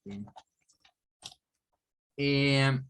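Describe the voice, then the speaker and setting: A man's voice: medium pitch, steady tone, drawn-out words, fairly bright tone, a little hiss or hum. A man teaching an online pronunciation lesson, patiently explaining step by step, repeating example words and often checking in with his listeners. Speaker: English teacher.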